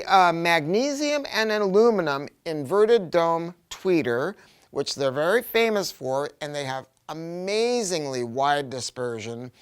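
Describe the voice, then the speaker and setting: A middle-aged American man with a higher-pitched, clean-toned voice gives a casual, enthusiastic product review. His language is colloquial and emphatic, and he tends to ramble.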